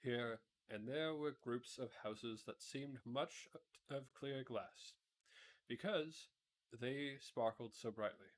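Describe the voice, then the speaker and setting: An amateur storybook reader and streamer narrates a children's fantasy book aloud. His mid-range voice moves slowly, and he frequently stumbles over words and corrects himself.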